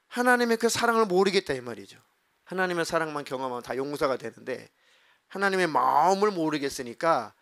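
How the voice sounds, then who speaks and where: Man, pastor, sermon, high voice, earnest, church. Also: fairly bright tone. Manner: earnest, acts out his own complaining prayers. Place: church sanctuary.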